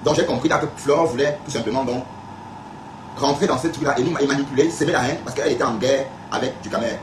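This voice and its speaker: Speaking fast in a mid-range voice, a man from Cameroon blogs live, casually and emphatically answering comments and hammering home his points to viewers. There's noise in the background, an echoey room, and faint ambience.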